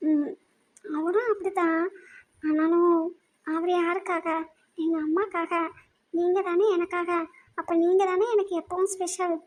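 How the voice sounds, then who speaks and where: A woman voicing an anxious, tearful young woman student in a cartoon, fretful and quick to argue. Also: extremely high pitch, steady tone, darkish tone. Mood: tender, soft. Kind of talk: cartoon voice acting.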